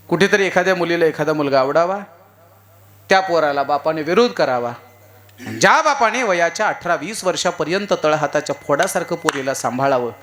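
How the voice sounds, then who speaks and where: Lively man preaching a kirtan sermon. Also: on the high side. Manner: lively, asks the crowd questions and coaxes answers; storytelling with acted dialogue and emphatic swings.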